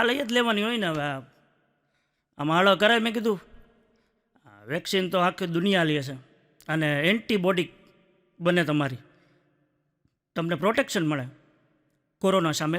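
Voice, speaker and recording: A man's voice: high-pitched, a bit bright. A man telling comic stories on stage, chatting with the audience and acting out what his wife and others said. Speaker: stand-up comedian. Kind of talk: stand-up comedy storytelling.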